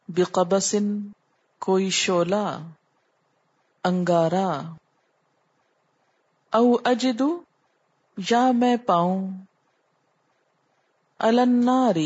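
Middle-aged woman teacher, measured word-by-word delivery, husky voice, muffled lo-fi recording. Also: medium pitch, a little mellow. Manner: measured, alternating recitation and translation. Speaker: Quran teacher. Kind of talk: word-by-word translation lesson.

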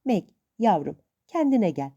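A woman voicing a stern, scolding old rich aunt with a sharp, bossy, lecturing manner in a storybook reading. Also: medium pitch, big pitch swings, measured pace, gravelly, breathy edge, lo-fi sound, full character voice.

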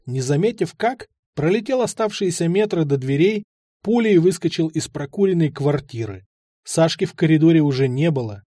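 A man narrating a first-person story in an expressive, ironic way. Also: a little high, no echo, studio quality. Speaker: audiobook narrator.

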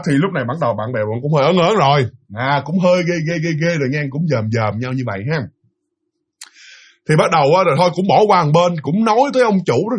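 Fast-talking husky Southern Vietnamese man. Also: fairly high pitch. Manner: chatty, addresses listeners directly. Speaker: storyteller. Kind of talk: casual spoken ghost story.

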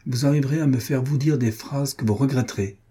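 A cold, sceptical young lover answers with cool, cutting logic, as a male reader voices him. His voice is dark and mellow with a husky rasp. It is a classic novel read aloud as an audiobook. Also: medium pitch, a little fast, voice pushed up, close to an everyday voice. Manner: cool, cutting, coldly reasoning.

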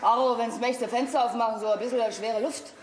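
A woman's voice: fairly high pitch, steady tone, fairly quick, natural voice. A woman playing a coquettish young actress. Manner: coquettish, dialect-colored. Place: theatre stage.

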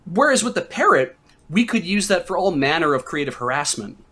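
A man's voice: on the high side, very animated, fairly quick, sharp tone, husky. A man on a panel riffing casually, rambling through jokes with many restarts. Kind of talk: casual comedic chat.

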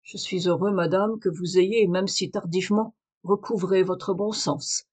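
A woman reader voicing a calm, authoritative male detective in a French audiobook, measured and firm. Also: lowish voice, husky. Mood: brisk commanding. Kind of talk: audiobook reading of a detective story.

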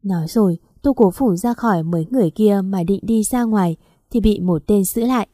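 A woman reading a first-person story aloud in a steady, even storytelling manner. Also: mid-range voice, fairly quick, no echo, studio quality. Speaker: story narrator.

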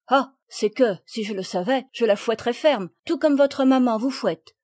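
A woman's voice: normal speed, no echo, lightly acted. A woman voicing a blunt, scolding old peasant woman who works as a gardener, with rustic country speech. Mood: chatty. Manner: loud, scolding, high-pitched.

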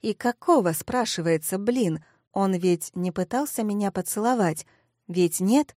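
A young woman narrating a first-person audiobook in a mid-range voice. Her delivery is lively and self-mocking, like thinking aloud. The recording is close and dry, with no room sound. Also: medium pitch, unhurried, dry recording.

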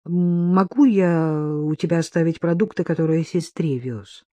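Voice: mid-range voice, a little slow, dark tone, no room sound, natural voice. A reader doing a mocking, theatrical man. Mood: calm. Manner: mocking, showy. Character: joking, theatrical middle-aged man. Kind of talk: audiobook character reading.

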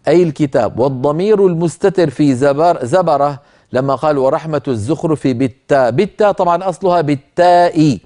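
A middle-aged man teaching a Quranic reading rule, explaining in a calm, measured way and slowly chanting verse quotations. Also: a little high. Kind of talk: lecture on a tajweed poem.

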